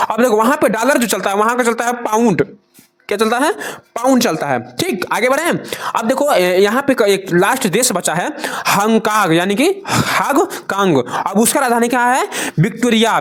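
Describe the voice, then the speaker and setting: A male teacher gives a casual lesson, asking questions and repeating each answer, tripping now and then over foreign names. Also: high voice. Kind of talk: casual classroom-style lesson.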